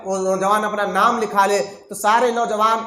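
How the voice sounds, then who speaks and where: Male preacher, very high voice, impassioned rhetorical sermon, echoey room. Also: level tone, sharp tone. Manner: impassioned, rhetorical, repeating phrases for emphasis. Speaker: spiritual guide preacher. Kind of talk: Urdu sermon.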